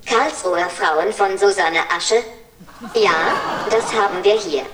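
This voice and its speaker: A woman's voice: mid-range voice, slow, background noise. A synthetic female voice of a humanoid service robot, speaking in polite, cheerful assistant phrases during a scripted demo. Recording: roomy and far from mic.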